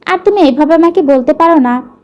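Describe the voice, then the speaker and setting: A pushy, scheming young woman set on getting her way, as a female narrator puts her on. The voice stays very high. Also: brisk, a little mellow, highs cut off, natural voice. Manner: clingy, determined.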